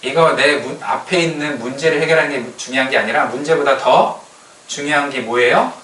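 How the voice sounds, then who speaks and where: A man preaching a sermon in an animated way, often asking the congregation questions. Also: medium pitch, fairly quick. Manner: animated, asks the congregation questions and acts out quoted complaints. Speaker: pastor. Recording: echoey hall, voice from a distance, light room noise.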